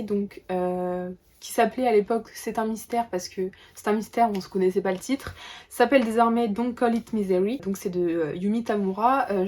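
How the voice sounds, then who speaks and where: A woman's voice: medium pitch, a little mellow. A young woman in a casual vlog, chatting about upcoming books and manga with lots of hesitations and restarts. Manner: chatty, many filler "euh"s and restarts. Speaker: book and manga YouTuber. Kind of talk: casual vlog book review.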